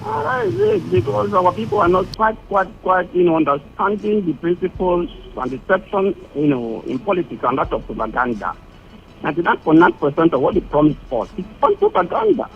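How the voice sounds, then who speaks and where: A Nigerian man calling in to a radio show over a phone line. He speaks haltingly and repeats himself while he looks for words. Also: high voice, huge pitch swings, gravelly, a little hiss or hum. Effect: heard over a phone line. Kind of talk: phone-in opinion call.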